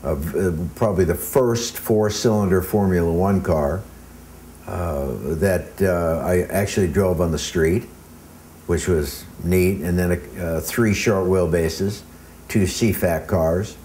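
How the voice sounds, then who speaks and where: A man's voice: low-pitched, measured pace, warm tone, slight background noise. A man being interviewed, telling long rambling anecdotes in a casual way with plenty of hesitations. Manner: rambling anecdotes with many ums. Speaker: interview guest. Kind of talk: casual storytelling.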